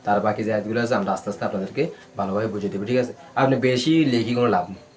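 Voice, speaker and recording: A man's voice: fairly low pitch, a little mellow, a little hiss or hum. Man drilling Arabic spelling in a lesson. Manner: drills with repeated questions and answers; slow, syllable-by-syllable recitation. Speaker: Quran reading teacher. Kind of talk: spelling out Arabic letters in a recorded class.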